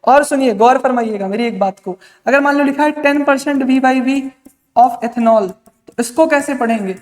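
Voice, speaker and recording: At normal speed and with a very high voice, a man gives a chemistry lecture meant to get students ready for exams. He uses English terms throughout, calls the class "beta," and supplies answers to his own questions. There's a long reverb from the echoey room.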